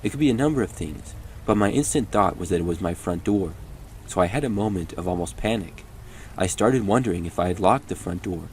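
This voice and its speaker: A man reading first-person horror stories as a steady, measured scripted narration. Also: sits low, a little hiss or hum.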